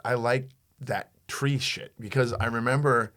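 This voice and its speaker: A man's voice: mid-range voice, measured pace. A man in his forties co-hosting a comedy podcast, chatting casually, laughing often and breaking into bits of song. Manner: animated, laughs often, breaks into sung snippets.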